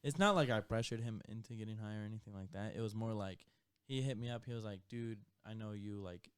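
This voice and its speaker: A man's voice: on the low side, fairly quick, smooth, dry recording. A young man co-hosting a podcast, telling stories in a laid-back way and laughing often. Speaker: podcast co-host. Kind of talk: casual chat.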